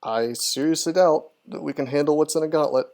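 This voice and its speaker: A male streamer talks briskly through his moves in a video game, chatting casually and answering his chat. His voice is a little high with a darkish tone.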